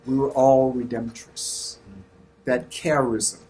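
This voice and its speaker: A man's voice: medium pitch, little pitch movement, slow, darkish tone, slight background noise. A man in his sixties with a Southern US accent, a Redemptorist priest earnestly sharing reflections with a group and searching for his words. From North Carolina, USA.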